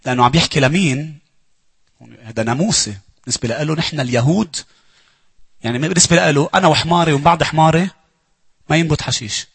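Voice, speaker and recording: A man with a Lebanese accent delivers a sermon in a high, forceful voice with a husky edge. He swings between loud urging and quiet asides. The sound is dry and close. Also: fast talker, pauses often, no echo. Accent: Lebanese Arabic. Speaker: preacher.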